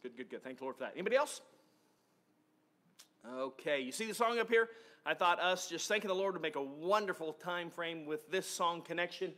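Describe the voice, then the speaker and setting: Male pastor, animated and chatty, slightly high. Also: fairly quick. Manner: chatty, laughs often, animated. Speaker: pastor leading praise time. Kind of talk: casual church talk with congregation.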